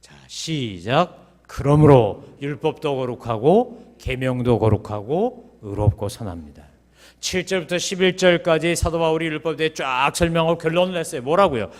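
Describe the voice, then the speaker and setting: A man preaching a sermon as pastor, asking rhetorical questions and breaking into sudden loud, high bursts. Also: lively intonation, normal speed.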